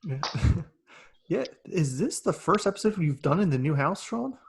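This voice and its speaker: A man's voice: on the high side, big pitch swings, moderate pace, gravelly, a little hiss or hum. Young man hosting a podcast over a call. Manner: laughs often, chatty and loose. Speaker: podcast host. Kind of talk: casual chat. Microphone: remote call mic.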